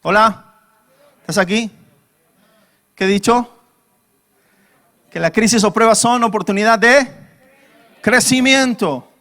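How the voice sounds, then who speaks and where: A man's voice: sits high, takes it slowly, pauses often, a bit bright. A male pastor preaching a sermon to his congregation, emphatic and full of rhetorical questions. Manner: acts out quoted pleas in a raised voice.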